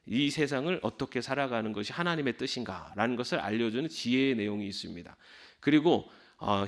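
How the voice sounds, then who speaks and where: Animated male preacher. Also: mid-range voice. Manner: animated, many fillers and restarts, asks the congregation. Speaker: pastor. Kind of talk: sermon.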